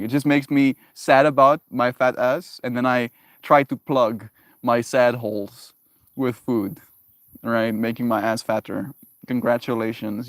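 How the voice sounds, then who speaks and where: A man with a medium-pitched, ordinary mid-range voice hosts a livestream, reading chat and talking back to it in an animated, joking way with frequent laughter. The sound is close and dry, with no room echo.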